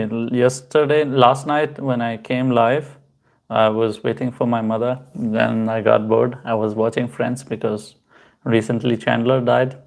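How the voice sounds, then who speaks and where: A man hosting a casual crypto livestream, answering viewer comments in a halting way with many fillers and chatty asides. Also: medium pitch, vocal fry, darkish tone. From Pakistan. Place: home, in Canada.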